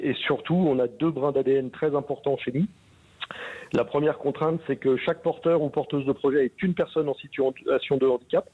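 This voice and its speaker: A man from France who founded an association, explaining things calmly in a radio interview. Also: medium pitch, husky, narrow, tinny audio. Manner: explanatory, easygoing.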